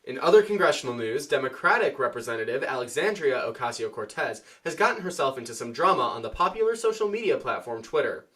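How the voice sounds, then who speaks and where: A man's voice: medium pitch, very animated, fast talker, hardly any pauses, pushed and bright. A young man anchoring a scripted news show in an earnest, formal way.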